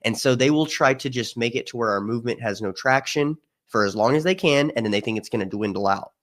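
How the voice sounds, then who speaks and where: Animated male storyteller guest. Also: medium pitch, quick pace. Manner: animated storyteller, acts out quotes. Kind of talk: casual chat.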